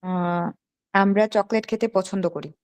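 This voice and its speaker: A woman taking a French lesson, hesitantly repeating phrases back to her teacher. Her voice sits at an ordinary pitch for a woman. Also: fairly even intonation, unhurried, a little mellow. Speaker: student.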